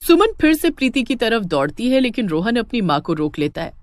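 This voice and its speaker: Female storybook narrator for a cartoon, animated delivery, dry recording. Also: a little high, a little fast, dry recording. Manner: expressive, lively storytelling.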